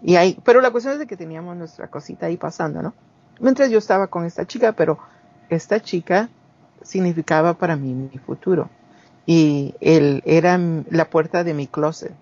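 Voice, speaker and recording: A man's voice: on the high side, moderate pace, a little mellow. A man in his forties from Guatemala with a Guatemalan accent, telling personal stories in a casual, rambling way, full of restarts and acted-out quotes. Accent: Guatemalan Spanish. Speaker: guest. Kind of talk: casual storytelling. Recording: dull lo-fi recording.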